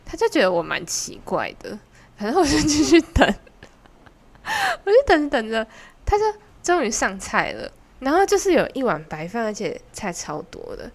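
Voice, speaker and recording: A young woman with a Taiwanese Mandarin accent, hosting a podcast and telling a story in an animated, chatty, giggly way. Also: on the high side, moderate pace. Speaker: podcast host. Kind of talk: casual storytelling chat.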